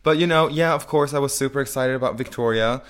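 A man's voice: mid-range voice, quick pace, a bit bright, clear, resonant tone. A man co-hosting a podcast, chatting casually with many ums and the odd swear word. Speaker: podcast co-host.

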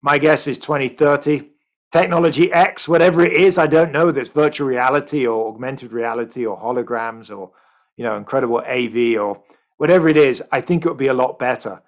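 This economist, interviewed by video call, keeps his replies quick and explanatory, and his voice carries a lively pitch.

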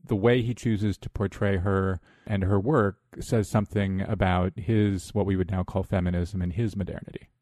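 A man's voice: low-pitched, fairly even intonation, normal speed, hardly any pauses, a little mellow, no echo, studio quality. A man hosting a podcast interview, phrasing his questions carefully and correcting himself as he goes. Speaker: podcast host.

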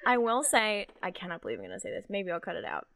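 A woman's voice: mid-range voice, wildly swooping pitch, a little fast, a bit bright. A woman co-hosting a podcast in casual chat, wry and self-deprecating, often giggling. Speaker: podcast co-host.

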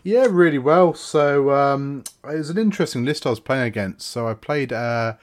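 A man's voice: medium pitch, normal speed. A man co-hosting a casual podcast, chatty and stammering into restarts. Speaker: podcast co-host. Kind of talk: casual chat.

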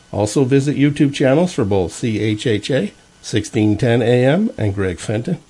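A man hosting a radio interview, reading his announcements and then asking relaxed questions. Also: medium pitch. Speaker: radio show host.

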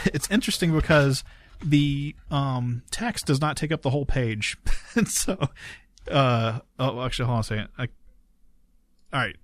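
Halting, casual man, dry close sound. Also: mid-range voice, no room sound. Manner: halting, repeats words as he searches for them. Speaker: show host. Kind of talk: casual chat.

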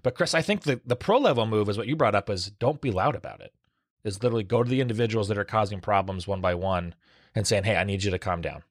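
Male physician host: fast and conversational, low voice, dry close sound. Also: animated, dry recording. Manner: quick, conversational, asks questions and sums up the others. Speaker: podcast host and emergency physician. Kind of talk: panel discussion.

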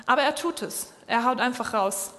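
A woman's voice: a little high, moderate pace, sharp tone. A woman preaching a sermon and speaking straight to her listeners, urging them on. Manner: direct, encouraging address to listeners. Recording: long hall reverb.

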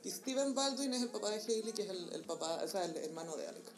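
A woman with a Chilean accent co-hosting a podcast, telling celebrity gossip in an animated, slangy way. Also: mid-range voice, quick pace, echoey room. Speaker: podcast co-host. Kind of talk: casual gossip chat.

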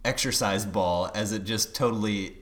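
A man's voice: on the low side, normal speed, a bit bright. A young man from the US Midwest co-hosting a casual podcast at home, jokey and easily amused. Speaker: podcast co-host. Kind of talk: casual chat.

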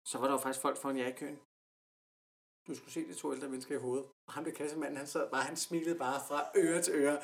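A man's voice: on the high side, fairly even intonation, creaky. A young man from Denmark telling a story in a casual podcast chat, acting out the people he quotes. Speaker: podcast co-host.

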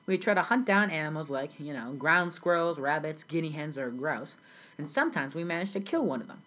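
In a school project role-play, a young teenage girl voices a grown immigrant looking back on a South Sudan childhood. Her voice sits low, animated and brisk with a fairly bright tone, and she tells the scripted story earnestly.

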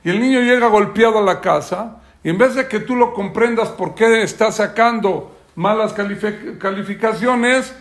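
A man's voice: high-pitched, fairly bright tone. A man giving a weekly Torah class as a sermon, telling a story and acting out the characters' lines.

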